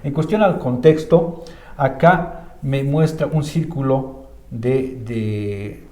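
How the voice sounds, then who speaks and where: Bolivian male church teacher, dark tone, casual explainer, roomy recording. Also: mid-range voice, slow. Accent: Bolivian Spanish. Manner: explains with many filler tags and restarts. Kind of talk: conversational Bible teaching. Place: church room. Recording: roomy echo.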